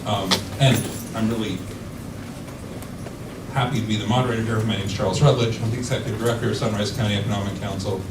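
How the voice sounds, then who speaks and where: A man moderating a conference panel, speaking haltingly with many fillers. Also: lowish voice, steady tone. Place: large conference room. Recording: echoey hall, distant mic, loud background noise.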